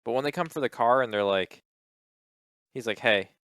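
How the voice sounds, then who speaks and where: A man's voice: medium pitch, animated, normal speed, a bit bright, dry recording, studio quality. A man co-hosting a podcast, telling a rambling story in casual chat, acting out quotes and swearing freely. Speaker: podcast co-host.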